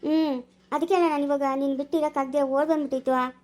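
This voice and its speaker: A woman voicing a young village wife who pleads softly, with a rural Chikkaballapura Kannada accent. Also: high voice, fairly even intonation, quick pace, lightly acted. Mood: pleading. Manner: pleading, soft-spoken. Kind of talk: amateur family village drama.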